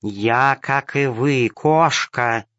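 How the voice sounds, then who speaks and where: A man voicing a bold, sharp-tongued lame female cat in a storybook reading, on a dull, dry recording. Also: medium pitch, very slow, dry recording. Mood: teasing. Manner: scolding, teasing.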